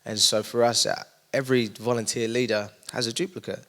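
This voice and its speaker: A man with an East London accent talks in a relaxed conversational way, pitch sitting in an ordinary middle range. He leans into his stories with bursts of energy and plenty of "like" and "you know". He sounds like a pastor chatting about his team. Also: fairly quick. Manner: energetic, animated storytelling with many fillers. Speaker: young adults pastor. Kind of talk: casual conversational interview.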